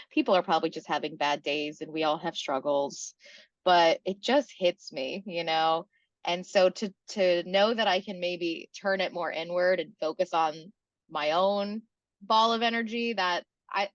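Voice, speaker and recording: A woman's voice: on the low side, fairly bright tone, no room sound, lo-fi sound. A woman comedian and podcast host chatting casually and telling a story with laughs.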